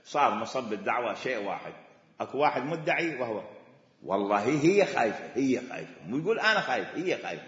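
A lively Iraqi-accented man lectures a class, his pitch jumping around as he drives each point home with repetition. His voice is bright and a little high, and it rings through a large echoey hall on a dull, lo-fi recording. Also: fast talker. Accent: Iraqi Arabic. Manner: animated, repeats points with emphasis. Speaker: religious law teacher.

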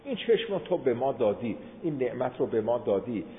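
A man preaching a sermon as he tells a story, swinging between quiet asides and loud exclamations. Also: mid-range voice, sing-song. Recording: tinny phone-like sound with long hall reverb.

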